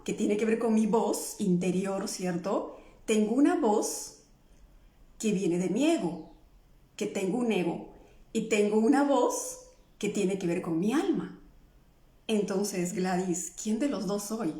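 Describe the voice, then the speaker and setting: Woman, emotional healing coach, live talk to viewers, keeps asking the audience questions, mid pitch, roomy echo. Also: lively intonation, takes it slowly, pauses often, dark tone. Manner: checks in with listeners with constant questions. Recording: echoey room.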